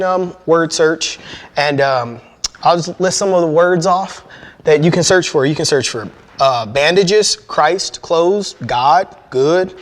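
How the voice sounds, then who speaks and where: High-pitched American man teaching young children. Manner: friendly, simple explaining to young children. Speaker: children's Bible lesson teacher. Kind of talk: children's lesson with storybook reading. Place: indoors before a painted backdrop.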